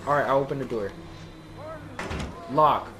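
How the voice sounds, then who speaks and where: A man's voice: medium pitch, a little slow, background noise. A young man giving casual, exasperated commentary while playing a horror game. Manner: animated, exasperated, yelling at the game. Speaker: gaming streamer.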